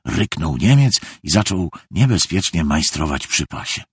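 A man with a low, slightly husky voice reads a story with lively, expressive turns. His delivery is scripted and dramatic, and the sound is dry and close, with no room echo. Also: unhurried. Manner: expressive storytelling, acts out the scenes. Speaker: narrator. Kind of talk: scripted audiobook narration.

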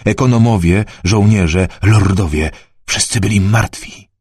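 A man reading an audiobook, voicing a young peasant girl who speaks in a flat, matter-of-fact way. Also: fairly low pitch, a little slow, husky, dry recording, clean studio sound. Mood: grim.

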